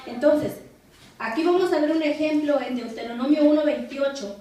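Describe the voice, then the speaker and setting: A woman's voice: high voice, normal speed, dark tone. A woman pastor teaching a Bible study lesson, repeating phrases and spelling out words so listeners can take notes. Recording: echoey room from far off, faint noise.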